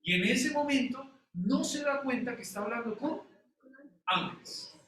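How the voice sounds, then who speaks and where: A male pastor preaches to his congregation, asking them questions in an animated way. His high voice comes across bright and forceful. He is recorded from a distance, and the church hall around him echoes heavily. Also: measured pace. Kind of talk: sermon. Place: church sanctuary.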